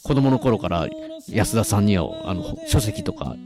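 A man with a Kansai accent chatting casually as a podcast host, quick to throw in interjections. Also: on the low side, huge pitch swings, music in the background. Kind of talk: casual chat.

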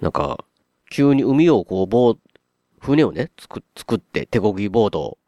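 A man with a Kansai Japanese accent chats casually as a podcast co-host. He tells his stories in a lively way, acting out his own startled reactions, and his pitch rises and falls widely. His lowish voice sounds dry and close to the mic. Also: moderate pace, no echo.

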